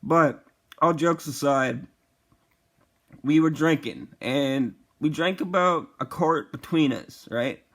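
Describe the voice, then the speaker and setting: A young man with a slightly higher voice tells a wild personal story straight to the camera. His delivery is loose and profane, and he acts out the other people's lines as he goes. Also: slow pace. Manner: profane, animated retelling with acted quotes. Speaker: vlogger. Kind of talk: casual storytime monologue.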